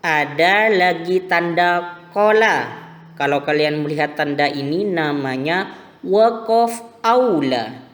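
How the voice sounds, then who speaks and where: A man teaching a recorded religion lesson to primary school pupils, explaining slowly and patiently. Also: a little high, expressive, fairly bright tone, big-room sound, faint music behind. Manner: slow, patient explaining to children.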